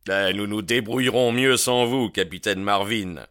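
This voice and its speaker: A man's voice: fairly low pitch, measured pace, fairly bright tone, voice pushed up. A man voicing a cold, scornful saloon-keeper boss in an audiobook. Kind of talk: audiobook character reading.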